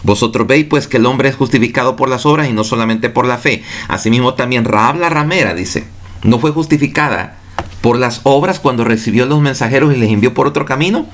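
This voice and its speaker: A man's voice: medium pitch, brisk. A male pastor preaching a sermon, reading scripture aloud and putting rhetorical questions straight to his congregation. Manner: addresses listeners directly and reads scripture aloud.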